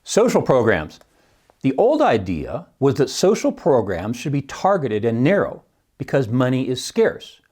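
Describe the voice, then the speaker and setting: A man's voice: mid-range voice, huge pitch swings, a little slow, darkish tone, slightly rough. A middle-aged man hosting a solo podcast, wry and scoffing, often laughing at his own points. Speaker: podcast host and economics teacher.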